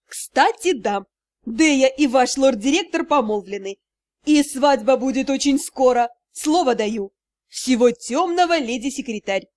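A domineering noble mother-in-law in a fantasy storybook, sly and imperious. A woman reading the audiobook voices her. Her high voice carries a grand, commanding air. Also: lively intonation, unhurried, darkish tone.

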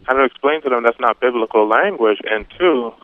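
A man's voice: medium pitch, brisk, no echo. A man calling in to a radio show, asking an earnest question in a hesitant way full of fillers, over a crackly cordless phone line that fades in and out. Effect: crackly cordless phone line fading in and out. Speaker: caller. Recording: tinny, dry phone line.

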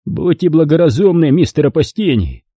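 Casting note: tired commanding security boss, raised pitch, dark husky tone, done by a male narrator. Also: animated, no room sound, studio quality. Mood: calm. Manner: measured and commanding. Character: calm, weary male security chief. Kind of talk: audiobook character voice.

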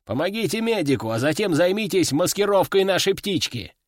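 A man doing a barking, gruff army veteran. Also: high voice, very animated, brisk, no room sound, studio quality. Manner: barking orders, curses. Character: gruff, bossy male army veteran commander.

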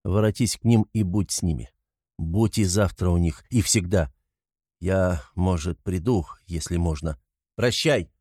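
A man reads a brooding young student with a deep, dark voice, his speech low and muted. The tone stays heavy and halting. It is dry and close, in the manner of a storybook reading. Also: breathy edge, no room sound. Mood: cold, quiet. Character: brooding young male student, feverish and withdrawn.

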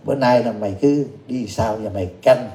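A sharp-tongued, bossy old lady, voiced by a man who scolds bluntly. The tone stays dark and mellow. A roomy echo hangs behind her words. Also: mid-range voice, a little fast, lightly acted. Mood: scolding.

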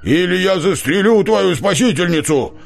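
A man voicing a rough bearded hunter in an audiobook, gruff, blustering and stammering. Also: sits high, animated, moderate pace, soft background music, pitched above the performer's own voice, heavily acted. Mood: menacing gloating. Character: rough bearded male hunter, bullying then cowardly. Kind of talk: audiobook character voice.

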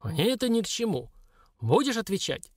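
A man's voice: high voice, big pitch swings, moderate pace, no room sound, studio quality, pitched above the performer's own voice. A man reading an audiobook, voicing a stern, cold old woman shaman who questions curtly. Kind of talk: audiobook character voice.

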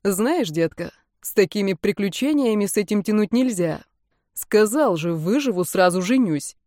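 A woman's voice: medium pitch, expressive, normal speed, dark tone, dry recording, natural voice. Woman doing a male spaceship captain, brash and affectionate, storybook reading, close dry voice. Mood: teasing. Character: cocky teasing male starship captain.

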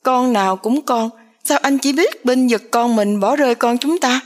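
A woman voicing a quarrelsome stepmother who complains loudly. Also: moderate pace, close to an everyday voice. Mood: angry. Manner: shrill, loud, complaining.

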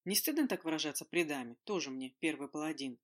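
A sardonic, teasing man in a storybook, as a woman reads him, gloating over a friend's discomfort. The voice is low and dry in its mockery. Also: expressive, fast. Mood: mocking.

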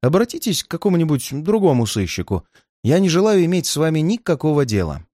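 Man reading as a brisk, dry detective. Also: a little high, very animated, no room sound, voice pushed up. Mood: firm. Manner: dry and firm, sometimes gentle. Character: stern, brisk adult male detective.

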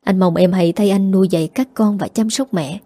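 A woman's voice: mid-range voice, a little fast, dark tone, no echo, natural voice. Brief: remorseful middle-aged man, read by a woman, choked apology, dry close sound.

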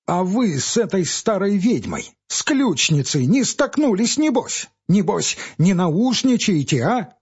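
Male narrator, fairly high voice, husky, calm and measured, dull lo-fi recording. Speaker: audiobook narrator. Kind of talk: literary audiobook narration.

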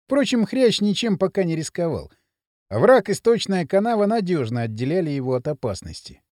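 A man narrating an audiobook with an expressive, dramatic reading. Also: sits high, a little fast, no room sound, studio quality. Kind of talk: scripted narration.

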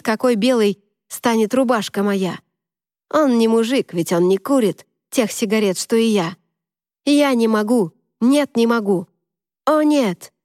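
A woman voicing a cocky, playful young male student who half-sings, half-shouts a rock chant. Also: fairly low pitch, no room sound, studio quality, close to an everyday voice.

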